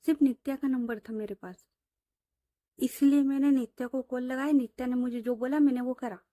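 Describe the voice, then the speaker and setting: A woman's voice: sits high, a little fast, dry recording, studio quality, lightly acted. Woman voicing a patient young friend. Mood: explaining. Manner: calm, explaining.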